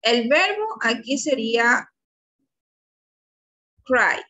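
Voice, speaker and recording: A woman with an Ecuadorian Spanish accent teaching an English grammar class, speaking slowly and patiently and stretching out her example sentences. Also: medium pitch, a bit bright, rough recording.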